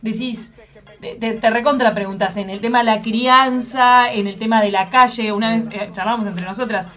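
A woman's voice: a little high, steady tone, normal speed, a bit bright, faint music behind. A woman with a posh Montevideo accent and a nasal, upper-class way of talking, hosting casual radio studio chat. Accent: posh Montevideo Uruguayan. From Montevideo, Uruguay. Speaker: radio show host.

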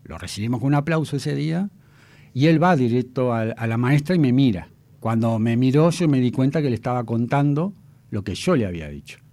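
Uruguayan man in his fifties, mellow. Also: mid-range voice, animated, brisk, dry recording. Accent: Uruguayan Spanish. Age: 50s. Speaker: guest, mentalist. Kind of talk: storytelling in a talk-show interview.

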